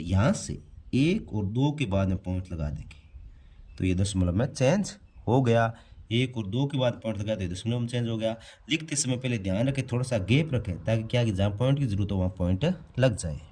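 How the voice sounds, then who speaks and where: A male math teacher with a lowish, darkish voice walks through a primary-school math lesson step by step on a board, classroom-style. He poses questions and then answers them himself.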